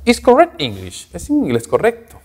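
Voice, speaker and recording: A man's voice: high-pitched, huge pitch swings, moderate pace, slightly rough. A man teaching English grammar in a recorded class lecture, explaining in Spanish and ending phrases with "¿no?" and "¿ok?". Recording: echoey hall reverb.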